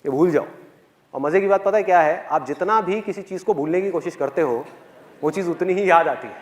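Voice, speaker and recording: A man's voice: sits high, a little fast. A man giving a motivational stage talk, telling a personal story with animation and putting questions directly to the audience. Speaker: motivational speaker. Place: on stage before a live audience.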